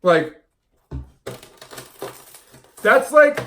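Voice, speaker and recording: A man's voice: very high-pitched, very animated, extremely slow, fairly bright tone. A man in his thirties talking casually to camera as a vlogger and diet coach, blunt and emphatic, often repeating his points. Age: 30s.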